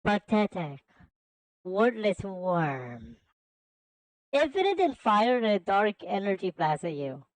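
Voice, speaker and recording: A woman's voice: medium pitch, a little mellow, no room sound, rough recording. A woman casually reading a fan story aloud and adding chatty asides. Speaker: story reader.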